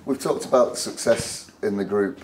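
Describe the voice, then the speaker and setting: A low-pitched man puts conversational questions to his guest, leading each one with a short setup. His voice carries a faint hiss in the background. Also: moderate pace, darkish tone. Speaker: interviewer. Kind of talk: interview questions.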